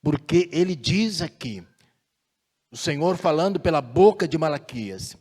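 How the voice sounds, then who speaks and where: A man preaching a sermon as pastor, measured and deliberate, slowing down and swelling in force on key phrases. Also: on the high side, animated, a little mellow, slightly rough, long reverb tail.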